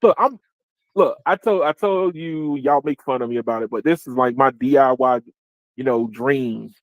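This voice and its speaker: A man's voice: mid-range voice, normal speed, dry recording. Rambling man hosting a tech podcast. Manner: rambling, restarts, laughs often. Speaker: podcast host. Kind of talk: casual tech podcast chat.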